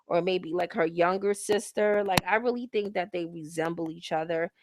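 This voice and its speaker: A woman's voice: on the low side, normal speed. Blunt, profane woman host over hiss. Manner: blunt, profane, heavy use of slang; lectures listeners directly. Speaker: host reviewing a reality show. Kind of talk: casual ranting commentary. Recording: hissy home recording.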